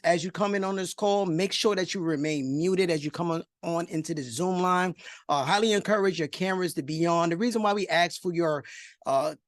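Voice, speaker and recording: On a video call, a high-pitched middle-aged man with a New York accent, from New York, United States, runs an online investing masterclass as a motivational webinar. He talks emphatically, says phrases more than once, and checks in with listeners. The audio is studio quality with no room sound.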